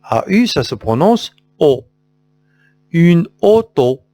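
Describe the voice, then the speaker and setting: Slow, lively Moroccan man drilling phonics. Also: on the high side. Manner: slow, deliberate drilling with repetitions. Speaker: teacher. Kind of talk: phonics lesson for young pupils.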